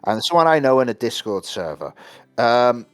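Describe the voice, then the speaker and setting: A man co-hosting a podcast, talking in halting starts and repeating his first words before getting going. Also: medium pitch, very animated, dry recording. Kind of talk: casual podcast discussion.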